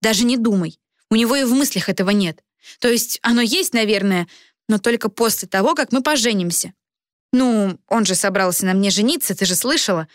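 A woman's voice: medium pitch, fairly quick, dry recording, clean studio sound, lightly acted. A woman voicing a cheerful, lovestruck young woman student in an audiobook who chatters dreamily. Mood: earnest.

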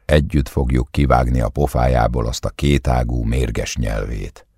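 A man voicing a desperate, religious husband who shouts and pleads with fervour at a locked door. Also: extremely low pitch, fairly even intonation, gravelly, husky, dry recording, studio quality, full character voice. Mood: pleading.

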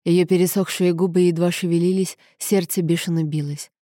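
A woman reading a novel aloud as an audiobook narrator, even and expressive. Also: on the low side, fairly quick, dry recording, clean studio sound. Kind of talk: scripted narration.

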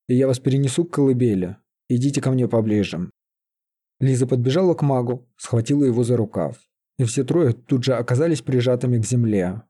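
An audiobook narrator reads a fantasy story steadily and evenly. His mellow, dark voice has a husky edge and sits in the middle of the male pitch range.

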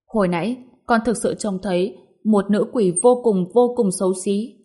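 A woman voicing a frightened, stubborn young boy in an audio story, yelling in panic and snapping back defensively. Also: medium pitch, moderate pace, natural voice. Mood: scared.

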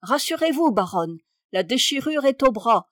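A fluting-voiced society gentleman who keeps apologizing while pestering for favors, as a woman reader puts him on. His voice sits high and light, pressing forward with polite urgency. The recording is dry and close. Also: big pitch swings, normal speed, no echo. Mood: fawning.

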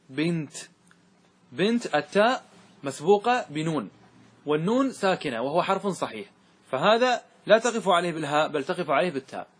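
Male grammar teacher, slightly high, husky voice, recites verse and answers his own questions. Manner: asks the class questions and answers them himself, recites verse slowly. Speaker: sheikh teaching Arabic grammar. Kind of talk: classroom lesson on a grammar poem.

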